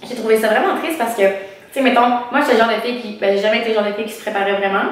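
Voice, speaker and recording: A woman's voice: a little high, rapid-fire. A young woman with a Québécois French accent chatting casually with a friend, talkative and full of slangy filler words. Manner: talkative, animated slangy storytelling with frequent filler tags. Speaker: mukbang co-host. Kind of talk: casual chat between friends. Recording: echoey room, distant mic.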